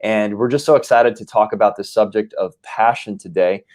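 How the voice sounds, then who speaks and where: A man's voice: on the low side, fairly even intonation, normal speed, darkish tone. Upbeat man hosting a live talk. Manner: upbeat, many fillers and restarts. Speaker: host and company CEO. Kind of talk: live-streamed conversation.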